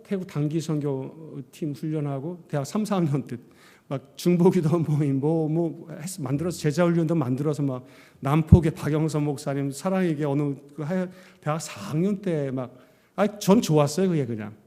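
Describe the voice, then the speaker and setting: A male pastor preaching a sermon, telling his story with lively acted-out lines. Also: a little high, normal speed, in a large hall. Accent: Korean. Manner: animated storytelling, acting out his own past words. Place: church sanctuary.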